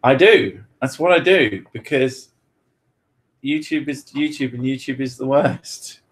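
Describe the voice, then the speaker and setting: This podcast host is a man from Britain whose mid-range voice moves at a measured pace. Answering questions in a casual chat, he cracks jokes, swears without restraint and laughs often.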